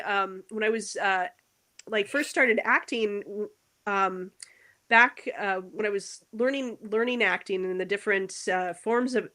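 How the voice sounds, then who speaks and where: A woman in a casual podcast chat about movies, rambling and searching for words, quick to laugh. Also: mid-range voice, a bit bright. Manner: laughs easily while telling stories. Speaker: podcast co-host.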